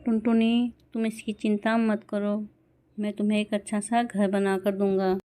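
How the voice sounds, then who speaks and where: A woman's voice: mid-range voice, flat delivery, normal speed, warm tone, close to an everyday voice. A woman voicing a short-tempered male sparrow husband who scolds and makes threats. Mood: irritated.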